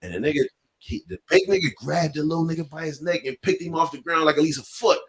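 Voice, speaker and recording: A man's voice: a little high, fast, husky. A young man co-hosting a podcast, telling a story in casual banter and acting out the people in it. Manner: animated, acts out voices in his stories. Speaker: podcast co-host.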